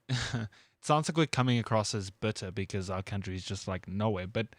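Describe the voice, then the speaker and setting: A man's voice: fairly low pitch, expressive, normal speed, no echo, clean studio sound. A South African man co-hosting a sports talk show, laid-back and questioning, full of "like" and "dude". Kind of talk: casual sports chat.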